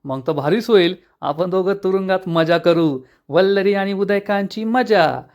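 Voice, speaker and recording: A man's voice: sits high, a little slow, dull audio, voice pushed up. A man doing a cocky drunk thug. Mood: mocking. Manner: mocking, swaggering.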